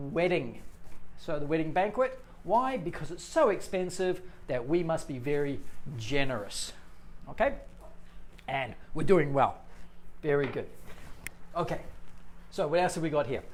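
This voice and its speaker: A middle-aged man teaches English on a live stream in a loose, joking manner. His voice sits slightly higher than most men's. He chats with viewers as he explains. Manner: chatty and playful, jokes with viewers.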